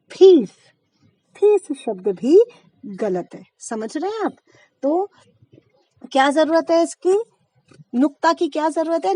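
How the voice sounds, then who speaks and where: A woman teaching a Hindi grammar lesson, who explains slowly, draws out the sounds she teaches and checks in with her students. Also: high-pitched, darkish tone, no room sound. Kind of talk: classroom lesson.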